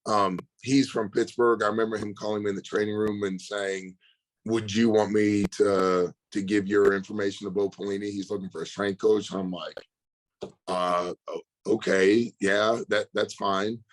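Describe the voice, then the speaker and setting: A man, a strength and conditioning coach, telling a story in a relaxed podcast interview and acting out quoted dialogue. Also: on the low side, a little fast.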